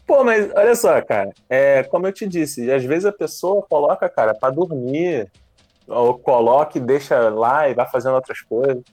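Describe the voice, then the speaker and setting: A man's voice: medium pitch, expressive, normal speed, darkish tone, no room sound. A man co-hosting a casual podcast, laid-back, explaining things at length. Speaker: podcast co-host.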